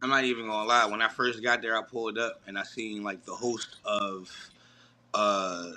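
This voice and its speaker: Animated, bright-voiced man telling stories. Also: fairly low pitch, moderate pace, a little hiss or hum. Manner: animated, storytelling, slangy, frequent "you know what I'm saying". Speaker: battle rapper guest. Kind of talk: casual podcast chat.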